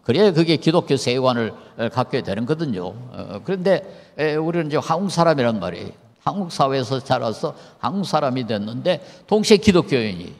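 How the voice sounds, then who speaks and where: An older man, a professor, giving a measured lecture and asking his audience rhetorical questions. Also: medium pitch, very animated, creaky, long reverb tail. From Korea.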